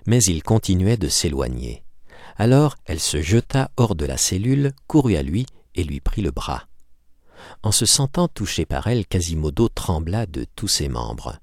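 A man's voice: deep voice, sing-song, moderate pace, a little mellow, no room sound, clean studio sound. A man narrating a classic novel as an audiobook, reading expressively. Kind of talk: scripted literary narration.

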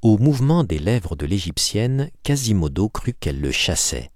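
A man's voice: lowish voice, sing-song, normal speed, a little mellow, no echo, studio quality. A man narrating a classic novel as an audiobook, reading expressively. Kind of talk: scripted literary narration.

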